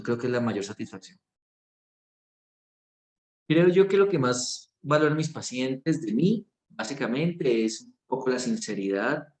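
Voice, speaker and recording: A middle-aged Colombian physician and research director with a Bogotá accent speaks in a promotional interview monologue at a clinic. His mid-range, darkish male voice sounds earnest and reflective, with many fillers and restarts. The room is echoey.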